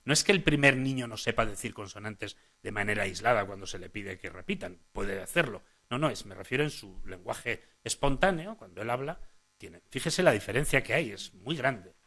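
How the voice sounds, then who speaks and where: In an expressive, fairly low, slightly bright voice at a moderate pace, a man lectures on child speech as a language psychologist at a conference for parents and professionals. He frequently restarts phrases and says "eh?" as he refers the audience to his slides.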